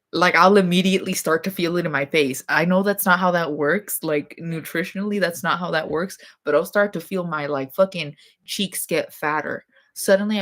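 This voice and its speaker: A young woman with vocal fry, chatting casually and bluntly to camera from her bedroom, keeping her voice quiet and swearing freely. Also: low voice. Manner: blunt, profane, rambling; trying to talk quietly. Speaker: vlogger.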